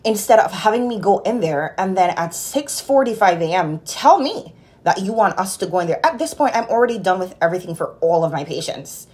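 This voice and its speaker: In a mid-range voice that runs a little fast, a Jamaican woman in her twenties who works as a nurse tells a work story for her casual vlog. The phone is held at arm's length in a small room at home, and her delivery is animated and exasperated.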